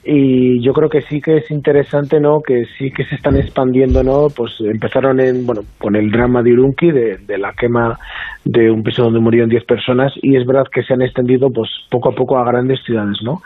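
A man calls in to a radio talk show, and his voice comes through a narrow, tinny telephone line. His tone is slightly husky, and his pitch sits in a normal middle range for a man. He explains in a measured way and often ends his sentences with a questioning tag. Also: fairly even intonation. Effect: heard over a telephone line. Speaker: professor of international relations, phone guest. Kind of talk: radio interview over the phone.

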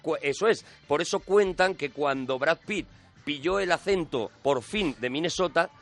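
A man from Spain with a Spanish accent talks through a topic at length on a radio chat show, pausing on fillers as he explains. His voice sits a bit high and sounds bright and forceful. A faint music bed plays underneath. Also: animated. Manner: explanatory, storytelling with filler hesitations. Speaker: film commentator on a comedy radio show.

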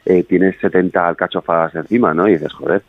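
A man's voice: low-pitched, steady tone, fairly quick, no echo, faint music behind. A man guest on a radio interview, chatting at length and rambling with many fillers. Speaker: actor guest. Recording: tinny phone-like line, dry.

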